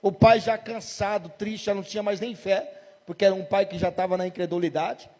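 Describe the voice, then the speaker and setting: A man's voice: high voice, level tone, a little fast, darkish tone, big-room sound. A Brazilian man in his forties, a pastor preaching a sermon emphatically and asking the congregation rhetorical questions. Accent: Brazilian Portuguese. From Brazil, São Paulo state. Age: 40s.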